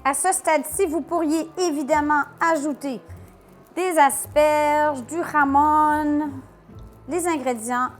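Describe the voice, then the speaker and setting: A woman hosting a cooking tutorial, chatty and playful as she talks to viewers in a home kitchen. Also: sits high. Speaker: cooking show host.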